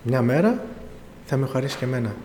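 A man's voice: medium pitch, lively intonation, warm tone. Man, middle-aged, preacher, storytelling with pleading emphasis, long reverb, faint room noise. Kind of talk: sermon testimony.

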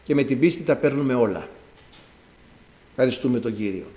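In an echoey hall, a mid-range male voice delivers a sermon built around his own testimony. He speaks with animation, moving from loud outbursts to hushed asides and imitating sounds along the way.

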